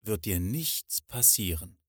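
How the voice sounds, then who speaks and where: A man's voice: on the low side, lively intonation, takes it slowly, breathy edge, dry recording, clean studio sound, full character voice. A man voicing a caring, worried mother in a fairy tale, speaking in a slightly raised, earnest tone.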